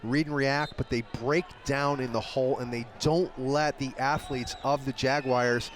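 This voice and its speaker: A man's voice: medium pitch, steady tone, normal speed. An American man giving live football analysis as a color commentator. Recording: clear outdoor stadium noise. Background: outdoor stadium ambience.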